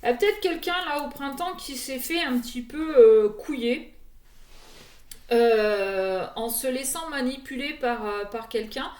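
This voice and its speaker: A woman's voice: high voice, a little slow, darkish tone, roomy sound. A woman giving an oracle card reading to her viewers in a casual, hesitant way, full of fillers and restarts.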